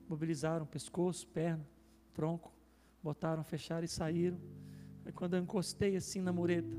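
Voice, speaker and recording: A man preaching as a pastor, telling a story with emotion and rising intensity at its peaks. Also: high voice. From Brazil. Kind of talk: sermon testimony. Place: church hall. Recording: reverberant church hall with soft music.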